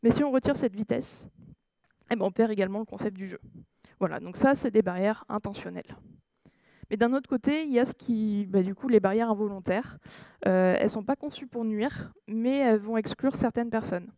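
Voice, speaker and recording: A medium-pitched, mellow voice belongs to a woman giving a fairly quick conference talk, recorded with no room sound in a conference room. She's hesitant and full of fillers and self-corrections. She asks the audience questions to see if they're keeping up.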